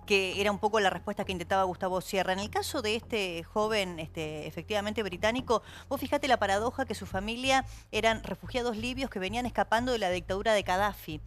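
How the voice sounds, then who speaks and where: Rioplatense female panelist, reflective, mid-pitched. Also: fast, few pauses. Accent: Rioplatense Spanish. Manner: thoughtful, uses filler "este". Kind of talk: televised panel discussion. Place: TV studio.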